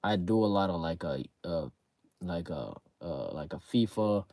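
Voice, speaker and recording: Though his throat is sore and his voice is dropping, the streamer stays expressive, talking at a moderate pace in a low, creaky, darkish voice. He rambles with fillers and repeated words about a game league; the studio sound is clean with no echo.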